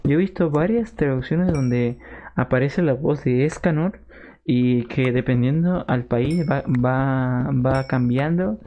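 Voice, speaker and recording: Playing games on a live stream from his room at home, a young Peruvian streamer talks slowly in a warm, mid-range voice with a Peruvian Spanish accent. He's chatty, reading out and answering viewer messages between joking outbursts, captured in slightly dull lo-fi audio with faint background noise.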